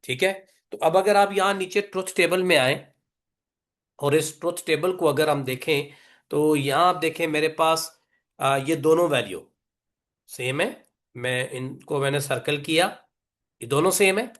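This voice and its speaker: A man teaching a class, speaking deliberately, repeating definitions and mixing English phrases into his talk. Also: on the high side, a bit bright. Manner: mixes English phrases into Hindi. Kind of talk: online class lecture.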